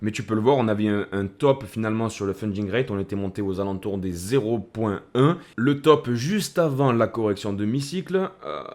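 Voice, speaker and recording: A man's voice: fairly low pitch, normal speed, few pauses, darkish tone. A man hosting a casual crypto commentary, speaking in a chummy way that addresses the viewer as a buddy. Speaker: crypto video host.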